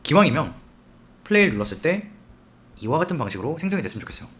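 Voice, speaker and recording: Lively male tutorial instructor. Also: a little high, racing, slight background noise. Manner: explains step by step, asks the viewer questions. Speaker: software instructor. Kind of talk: screen-recorded tutorial.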